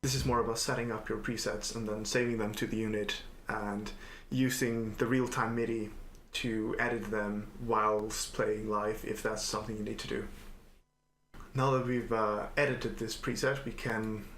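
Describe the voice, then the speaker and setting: A man calmly and methodically walking through a software tutorial he made, with the odd filler "uh". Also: fairly low pitch, moderate pace. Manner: calm, methodical explaining with filler uhs. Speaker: software developer demonstrating his editor. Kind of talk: screen-recorded software tutorial. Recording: echoey room, faint noise.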